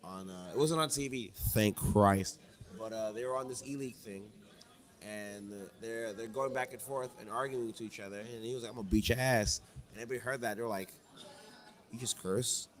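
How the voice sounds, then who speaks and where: A man's voice: on the low side, moderate pace. A hungover man rambles through casual podcast chat, swearing freely as he talks about competitive play. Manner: casual, profane, rambling storyteller. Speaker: podcast guest, competitive fighting game player.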